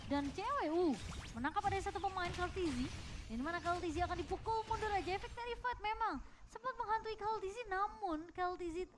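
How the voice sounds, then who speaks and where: A woman's voice: very high-pitched, fairly quick, noisy background. A woman with an Indonesian accent giving live esports commentary alongside fellow casters. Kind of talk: live match commentary with partners.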